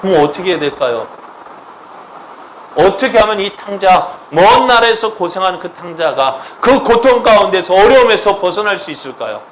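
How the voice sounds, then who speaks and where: Korean pastor type, man, fairly high voice, emphatic sermon delivery full of rhetorical questions, faint noise under the recording. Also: expressive, normal speed, poor audio. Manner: asks the congregation rhetorical questions, swells to emphatic peaks. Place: church sanctuary.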